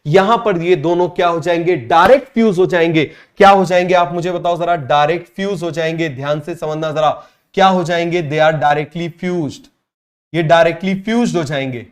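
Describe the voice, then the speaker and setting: Male coaching-class teacher with a slightly high voice; drills students with repeated questions and stretches out key terms. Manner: repeats every point and asks students to call out answers; drawls key English terms slowly. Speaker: biology teacher.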